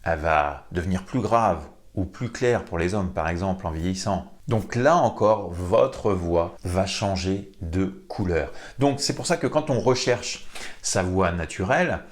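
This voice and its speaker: A man who works as a vocal coach, giving an animated lesson to camera and putting questions to the viewer. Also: deep voice, a little slow. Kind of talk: teaching video to camera.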